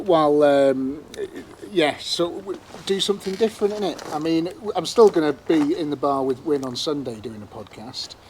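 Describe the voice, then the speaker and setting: A man's voice: a little high, low-quality recording. Male podcast host, rambly, full of ums, outdoors, faint background hum. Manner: rambling, hesitant with many fillers. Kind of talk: casual chat. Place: workshop, outdoors in the sun. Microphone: clip-on mic.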